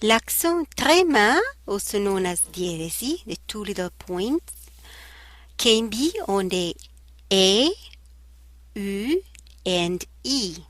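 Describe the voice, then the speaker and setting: A woman language teacher giving a slow textbook pronunciation lesson, deliberately enunciating isolated sounds and repeating example words. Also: medium pitch, very animated, a bit bright, no echo.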